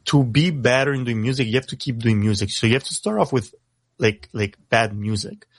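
On a dry recording, an Italian-accented rapper guesting on a radio program speaks rapid English, his second language, at medium pitch, often repeating a word or two as he starts a thought in this easygoing interview.

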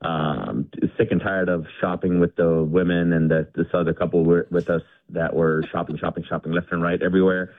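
A middle-aged man from India phones in to a radio show, his voice low and deep. He rambles casually, full of fillers and restarts. The line is tinny and narrow, with a dry sound. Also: level tone, fairly quick, hardly any pauses, no echo. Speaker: caller. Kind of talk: casual call-in chat. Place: home garage.

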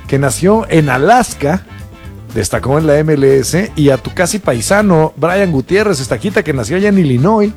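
A man's voice: on the high side, expressive, normal speed, a little mellow, soft background music. A man with a Mexican accent co-hosting a sports show, chatty, joking and slangy. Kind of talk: casual sports chat.

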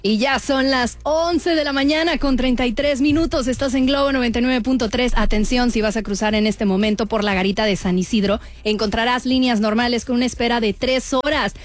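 A woman's voice: fairly high pitch, steady tone, a little fast, few pauses, faint music behind. Woman reading a radio border-wait update. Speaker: radio traffic announcer.

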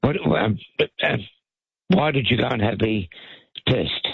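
An Australian man giving advice on a radio health phone-in in a halting, hesitant way. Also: mid-range voice, gravelly, slightly rough, no room sound, dull audio. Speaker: expert guest on health phone-in, naturopath.

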